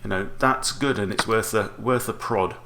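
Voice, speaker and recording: A man's voice: fairly low pitch, normal speed, creaky, sharp tone, a little hiss or hum. A man in his forties giving explanatory chess commentary as an instructor, talking through options with rhetorical questions.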